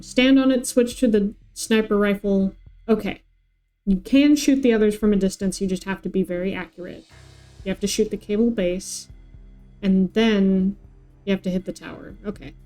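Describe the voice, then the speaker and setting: Streaming a game, a woman chats casually and playfully, swearing and often talking to herself. Her mellow, medium-pitched voice moves at normal speed over soft background music.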